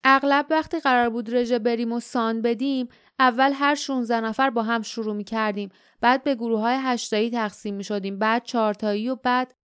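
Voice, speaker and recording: A woman's voice: fairly high pitch, steady tone, fairly bright tone, clean tone, lightly acted. A woman reading the lines of a grumbling grown man, a former palace guard, in an audiobook. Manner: mutters, thinks aloud. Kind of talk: audiobook character voice.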